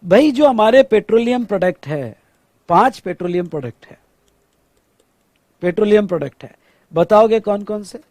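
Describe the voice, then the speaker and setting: A man teaching a tax lecture, animated, acting out officials' dialogue and slowing down on key words. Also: high voice, no room sound. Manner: stretches words slowly for emphasis. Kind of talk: classroom lecture.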